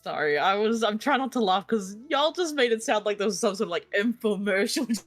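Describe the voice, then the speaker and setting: A woman's voice: mid-range voice, lively intonation, brisk, no echo, faint music behind. A woman player chatting casually during a tabletop game, giggly and full of fillers.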